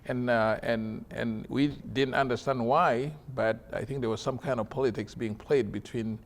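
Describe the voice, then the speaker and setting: A man's voice: mid-range voice, fairly even intonation, moderate pace. A man from South Sudan, a doctor, telling his story as an interview guest, hesitant with many fillers. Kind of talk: interview conversation.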